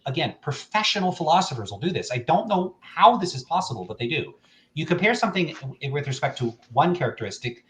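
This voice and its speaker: Tipsy guy ranting on a stream, pitch swinging all over, emphatic, kinda rambly. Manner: animated, emphatic, acting out imagined objections; tipsy, loose drunk rambling. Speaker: streamer giving opinions. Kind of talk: casual argumentative monologue on a livestream.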